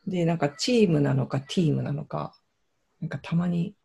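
A woman in a casual podcast chat, speaking thoughtfully and softly, with frequent backchannels. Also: low-pitched, moderate pace, creaky, slightly rough. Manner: thoughtful, soft-spoken, many backchannels.

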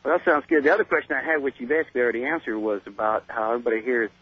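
Male caller, chatty and apologetic, husky voice on a muffled, poor-quality phone line. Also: medium pitch, very fast. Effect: poor quality digital cell phone line. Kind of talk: call-in radio chat. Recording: dull lo-fi phone call on radio.

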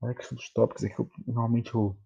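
Gravelly young Brazilian man talking in street slang. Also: medium pitch, little pitch movement, rapid-fire, mellow, lo-fi sound. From Bahia, Brazil. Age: young adult. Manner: heavy informal street slang, some swearing. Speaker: podcast host. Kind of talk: casual, rambling solo podcast monologue.

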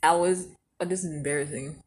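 A woman's voice: deep voice, fairly even intonation, brisk, a little mellow. A woman co-hosting a casual podcast with her partner, telling stories and teasing him with lots of laughter. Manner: playful teasing, laughs a lot. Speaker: podcast co-host. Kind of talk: casual couple chat.

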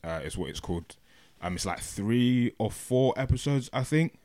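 A man's voice: mid-range voice, animated, normal speed, darkish tone, dry recording. A man with a London accent chatting casually as a podcast host. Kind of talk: casual chat.

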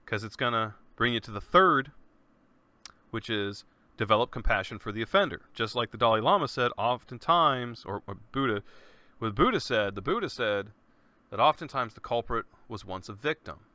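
Man, podcast host, casual earnest monologue, bright forward voice, dry close sound. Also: mid-range voice, animated, moderate pace, dry recording. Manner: laid-back, earnest, peppers speech with "man" and swearing.

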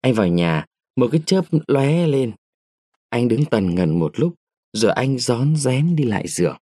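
Expressive man reading a story aloud. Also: medium pitch, unhurried, breathy edge, dry recording. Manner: expressive, changes pace with the story. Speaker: narrator.

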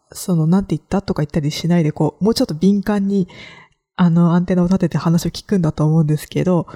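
A woman from Kagoshima hosts a solo podcast in a casual, reflective manner. Her voice sits a little low and sounds warm and mellow. She often pauses and uses fillers while she gathers her thoughts. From Kagoshima, Japan. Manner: reflective, hesitant, many fillers. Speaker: podcast host.

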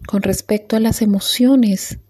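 A woman leading a guided meditation in a soft, calm voice with long pauses. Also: mid-range voice, slightly rough.

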